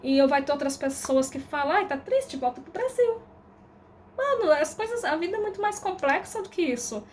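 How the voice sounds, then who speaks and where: A Brazilian woman in her thirties with a Brazilian Portuguese accent and a high voice, talking to camera in a loose, rambling vlog. She drifts with fillers and casual swearing. A faint hiss of noise sits under her voice. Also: expressive, normal speed. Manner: candid and rambling, with slang, swearing and trailing fillers. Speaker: vlogger. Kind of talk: casual reflective monologue to camera.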